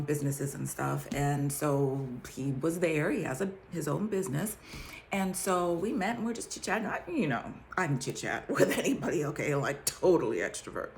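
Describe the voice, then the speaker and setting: A woman's voice: low voice, vocal fry, a little hiss or hum. A woman sharing her personal testimony in a casual, chatty, emphatic way, often checking in with her listeners.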